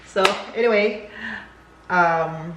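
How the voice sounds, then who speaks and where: A Filipino man from the Philippines chats casually and jokingly in a vlog, drifting into rambling asides. He has a high-pitched voice and draws out his words, while the recording has cut-off highs, an echoey room and faint background hiss.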